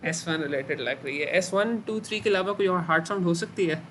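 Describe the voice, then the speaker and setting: A man's voice: sits high, fairly quick, a loud crowd. A man with a Pakistani Urdu accent giving a medical class lecture. He quizzes the students and echoes their answers, and he mixes English medical terms into his speech. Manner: asks students questions and repeats their answers.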